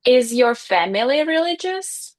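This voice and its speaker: A woman's voice: high-pitched, big pitch swings, unhurried. A woman hosting an interview podcast, asking brief, polite questions. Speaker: podcast host.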